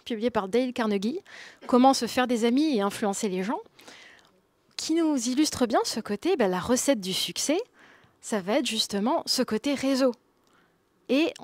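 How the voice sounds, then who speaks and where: A woman in her thirties presents at a conference in a fairly high voice. She keeps it conversational and drops little quips to the audience. The sound is dry and close. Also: darkish tone, no room sound. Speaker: conference speaker. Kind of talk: conference talk.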